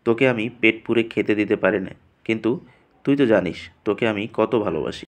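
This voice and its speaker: A man voicing a poor, soft-spoken old farmer who pleads tenderly in a storybook reading. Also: fairly low pitch, fairly quick, close to an everyday voice. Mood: tender grief.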